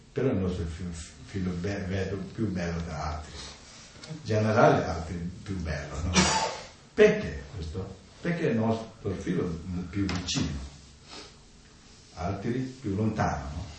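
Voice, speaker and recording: A man giving an informal talk on the mind, speaking in halting, simple phrases and often checking in with a questioning "no?" after his points. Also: low-pitched, animated. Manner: halting, simple non-native grammar, keeps adding "no?". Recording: echoey room, distant mic, faint noise.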